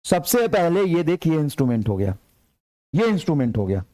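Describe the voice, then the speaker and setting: Male physics tutor, high-pitched, energetic, repeats phrases to push students along. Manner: energetic, repetitive urging, slow dictation of English problems. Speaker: physics teacher. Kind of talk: lively classroom lecture.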